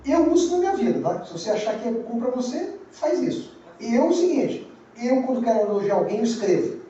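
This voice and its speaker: A man's voice: extremely high pitch, sing-song, a little fast, dark tone, slight background noise. A man with a Brazilian Portuguese accent, preaching a sermon as pastor in a conversational way, repeating phrases and asking the congregation questions. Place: church sanctuary. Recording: very echoey, distant, dull church recording.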